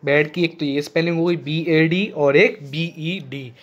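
A male teacher giving a classroom grammar lesson to children, often checking they follow and reading English examples slowly. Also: fairly high pitch, steady tone, dull audio. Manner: addresses children, frequent "ठीक है ना" checks, slow spelled-out English examples. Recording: echoey room.

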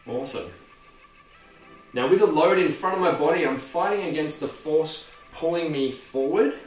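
A man's voice: fairly high pitch, normal speed. A young man in his twenties, a gym instructor, giving a casual home-workout tutorial with a loose, friendly delivery and plenty of fillers. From Australia. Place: home hallway, indoors. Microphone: camera mic, close then from across the room. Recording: echoey room, distant at times, faint music.

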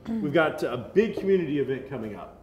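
Talking fast and very animated, an American man in his thirties with a rather high, slightly mellow voice co-hosts a geek show, enthusiastically breaking down details in a casual review chat. He sits at a table in a medium-sized room, with faint music behind him and a roomy echo plus faint background noise.

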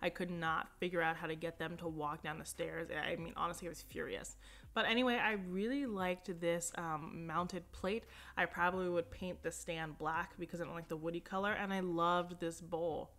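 A woman's voice: on the low side, fairly even intonation, normal speed, fairly bright tone. A young woman narrating a casual home decor shopping vlog, chatty and upbeat, with plenty of fillers and little asides. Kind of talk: casual shop-with-me voice-over.

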